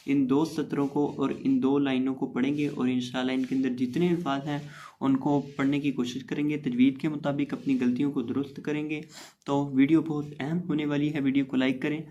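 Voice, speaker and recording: A man teaching a tajweed lesson, spelling out syllables slowly and explaining patiently step by step. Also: mid-range voice, warm tone, muffled recording, a little hiss or hum. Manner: spells out syllables slowly, stretching and repeating each word. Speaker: Quran reading teacher.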